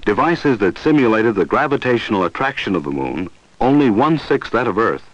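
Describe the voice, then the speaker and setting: A man reading scripted narration for a 1960s educational film in a formal, deliberate manner. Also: on the low side, very animated, no echo. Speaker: documentary narrator. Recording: dull vintage film soundtrack, dry.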